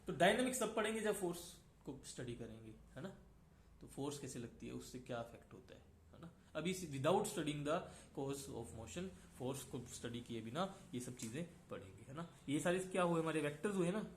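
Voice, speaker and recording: Expressive and a bit high, a man's voice moves at a moderate pace through a Hindi-English physics class, with reverb and a touch of hiss or hum on the recording. He goes step by step, checking in often with "है ना".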